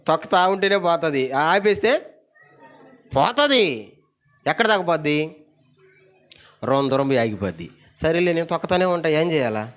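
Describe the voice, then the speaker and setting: A male pastor giving a sermon in a church, calling the congregation to repeat his words and to shout them louder. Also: expressive, moderate pace, pauses often. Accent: Telugu. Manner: calls the congregation to repeat and shout, pitch climbing loud. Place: church hall.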